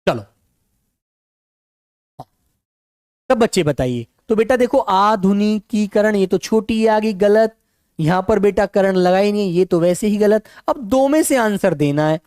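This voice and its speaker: Calm man teaching with a sore throat. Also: high-pitched, no room sound, studio quality. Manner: calm, unhurried, affectionate to students. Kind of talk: online exam-prep class.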